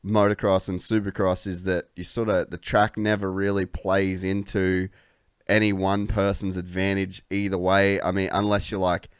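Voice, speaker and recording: A very deep-voiced man with a smooth, clear tone, recorded dry. He hosts a podcast casually, talking in slangy, sweary, matey banter. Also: little pitch movement, moderate pace, no room sound. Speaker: podcast host. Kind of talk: casual chat.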